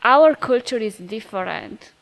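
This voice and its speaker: A woman's voice: fairly high pitch, animated, measured pace, vocal fry. A middle-aged woman from Romania, a Romanian-accented chef and interview guest, speaking chatty, non-native English and laughing easily. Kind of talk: casual interview chat.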